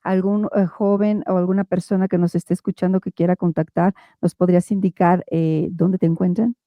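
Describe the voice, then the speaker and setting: A woman hosts a podcast interview with a very dark, mellow voice. The recording is close and dry. She speaks in a measured, courteous way and often pauses with hesitations. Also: on the low side, little pitch movement, no echo. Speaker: podcast host.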